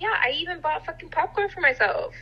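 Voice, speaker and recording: A woman's voice: extremely high pitch, lively intonation, a little fast, lo-fi sound. A young woman co-hosting a podcast, chatting casually and swearing freely. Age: young adult. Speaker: podcast co-host. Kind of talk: casual chat.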